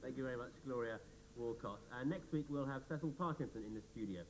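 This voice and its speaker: A man's voice: mid-range voice, quick pace, close to an everyday voice. A man playing a polite chat show host. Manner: polite, stifling giggles. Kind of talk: sketch comedy acting. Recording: noisy old TV recording.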